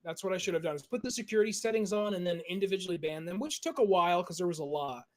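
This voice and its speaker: Male host, casual and explanatory, higher pitched. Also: animated, very fast, a little mellow. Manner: chatty, laughs often, explains step by step. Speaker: streamer and podcast host. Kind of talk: casual chat.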